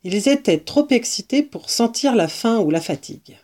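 A woman reading a children's novel aloud as narrator, in a calm, unhurried storytelling manner. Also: a little high. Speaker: audiobook reader.

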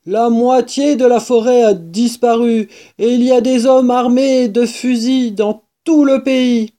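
A woman voicing a panicked, desperate old male badger in a storybook, with loud, drawn-out, anguished outbursts. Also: fairly high pitch, fairly even intonation, pitched above the performer's own voice. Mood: alarmed. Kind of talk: storybook character voice.

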